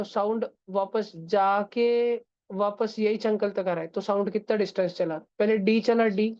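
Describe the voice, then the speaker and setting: A woman's voice: medium pitch, mellow, dry recording, dull audio. A woman teaching physics in a casual classroom style that has in it. She keeps checking that her students are following. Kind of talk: classroom lecture.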